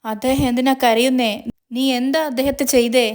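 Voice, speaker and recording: A woman's voice: sits high, fairly even intonation, moderate pace, darkish tone, voice pushed up, natural voice. A woman voicing a young woman who pleads and argues on the phone in distress. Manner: pleading, upset, defiant.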